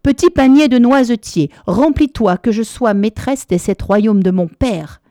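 A woman voicing a greedy, envious second princess in a fairy tale, yelling. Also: a little high, a little slow, no room sound, studio quality, voice pushed up, lightly acted.

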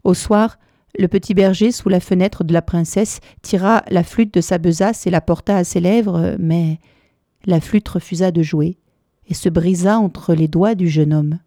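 Female storyteller, mellow and measured, lilting delivery, dry booth sound. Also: on the low side, steady tone, dry recording. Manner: measured, lilting, dramatic pauses. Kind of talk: storybook narration.

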